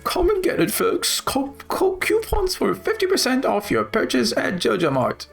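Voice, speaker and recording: A shrill smug British store manager. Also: male voice, huge pitch swings, moderate pace, creaky, fairly bright tone, faint music behind, exaggerated voice. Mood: hawking. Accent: put-on British. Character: annoying pushy corporate store manager, grown man.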